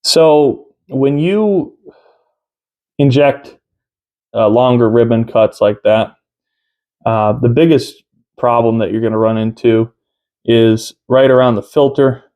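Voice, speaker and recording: A man in his thirties with a mid-pitched voice talks casually to a camera in a room at home. He reviews in an unhurried, halting way, often pausing partway through a sentence. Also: level tone, highs cut off. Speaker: tobacco reviewer. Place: small room at home, indoors.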